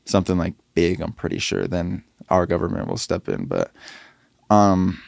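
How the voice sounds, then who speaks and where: A man's voice: deep voice, sing-song, moderate pace, creaky, a little mellow, no room sound. A young man, a podcast guest and rapper, talking casually with many fillers and restarts into a studio mic. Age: young adult. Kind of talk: casual interview chat.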